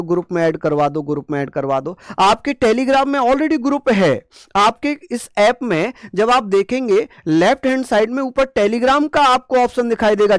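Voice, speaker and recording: Dry-voiced teacher drilling with call-and-response. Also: male voice, extremely high pitch, no echo. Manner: repeats questions and answers them himself in a call-and-response way; playful, jokey mnemonics with scolding asides. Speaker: exam-prep teacher. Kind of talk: online coaching class lesson.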